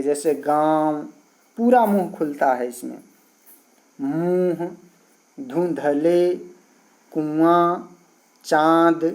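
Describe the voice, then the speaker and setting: A teacher talks through a grammar lesson at an unhurried, deliberate pace. The teacher keeps asking a question and then answering it, and reads out long lists of examples one word at a time. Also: medium pitch, a little mellow. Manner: poses questions and answers them itself.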